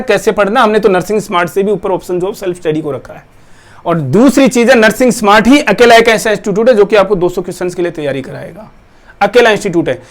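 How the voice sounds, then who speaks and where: Male coaching teacher, high-pitched voice, forceful rhetorical lecture to students. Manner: forceful, rhetorical, addresses viewers directly. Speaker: nursing exam coaching teacher. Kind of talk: persuasive talk to students.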